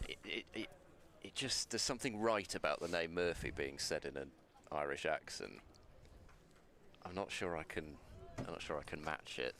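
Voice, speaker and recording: A man giving ball-by-ball cricket commentary from a balcony box, measured and self-deprecating, often restarting his words. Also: very deep voice, vocal fry, a bit bright.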